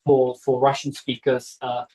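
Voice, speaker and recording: A man's voice: medium pitch, completely flat delivery, measured pace, mellow, low-quality recording. A man answering questions after an academic talk, hesitant, with many fillers and restarts. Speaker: seminar speaker answering questions.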